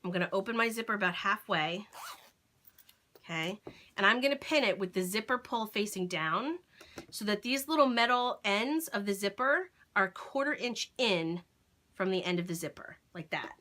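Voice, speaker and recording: A woman hosts a relaxed sewing tutorial, narrating every step and asking "okay?" as she goes. Her medium-pitched voice is expressive, bright and pushed, at a moderate pace, and she thinks aloud with fillers and self-corrections.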